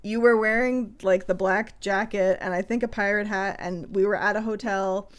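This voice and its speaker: A woman's voice: medium pitch, fairly even intonation, moderate pace. Chatty woman co-hosting a casual podcast. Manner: chatty, laughs often, trails off mid-sentence. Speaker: podcast co-host. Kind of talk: casual chat.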